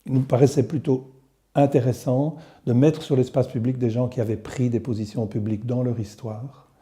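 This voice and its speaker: Measured man, very dark relaxed tone, explanatory interview. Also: mid-range voice. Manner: measured, slow, with self-corrections. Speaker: project organizer.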